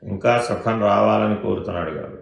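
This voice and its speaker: Gravelly man teaching in an echoey room. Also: fairly low pitch, steady tone, fast, dull audio. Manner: keeps asking listeners rhetorical questions. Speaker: spiritual teacher. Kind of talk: question-and-answer spiritual discourse.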